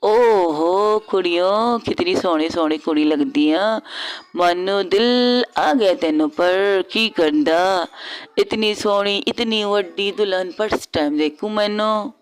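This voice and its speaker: Lady doing a cheeky punjabi accented guy in disguise, teasing, slow sing-song lines. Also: mid-range voice, smooth, lightly acted. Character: young woman disguised as a swaggering Punjabi man.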